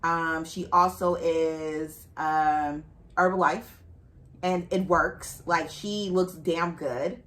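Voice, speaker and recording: A woman's voice: deep voice, fairly even intonation, slow pace, a bit bright. A woman hosting a podcast, chatting casually and playfully with a friend. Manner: playful, chatty, laughs easily. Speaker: podcast host. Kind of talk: casual chat.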